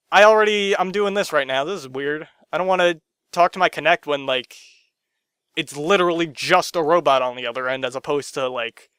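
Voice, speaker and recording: Young male vlogger, sarcastic rant to camera, slightly high and crisp, swings loud to muttering. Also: no echo, clean studio sound. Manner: swings between loud outbursts and muttered asides, sarcastic, swears often. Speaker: gaming vlogger. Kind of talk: ranting to camera. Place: his own room.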